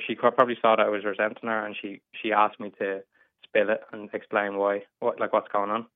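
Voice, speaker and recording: A man's voice: fairly low pitch, flat delivery, fairly quick, no echo. A man in his twenties calling in, hesitant and stammering through many restarts. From England. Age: 20s. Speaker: caller. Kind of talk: casual advice call. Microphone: phone. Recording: tinny phone line.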